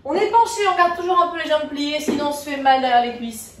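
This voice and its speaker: A high-voiced woman leads a workout, counting out reps and cheerfully checking on her class as she exercises. She sounds a little distant from the mic in an echoey indoor room, with faint ambience behind her. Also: lively intonation, fast talker. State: moving while exercising. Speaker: fitness coach. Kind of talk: live workout instruction.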